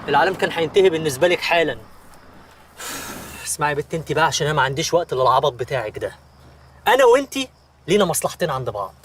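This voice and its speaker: Brief: a cocky Egyptian hustler-driver, rattling off lines, pitch leaping around, mic a little off. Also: male voice, lively intonation, a bit bright, distant mic, slight background noise. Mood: bossy. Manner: mocking, teasing, rapid-fire bluffing. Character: fast-talking boastful male hustler driver. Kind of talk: comedy series acting.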